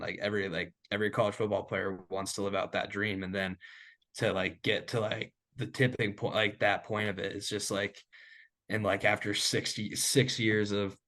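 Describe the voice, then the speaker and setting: A young man hosting a casual sports chat with a lowish voice. He rambles along and fills nearly every gap with "like", circling back on his points as he goes. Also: a bit bright. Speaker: host.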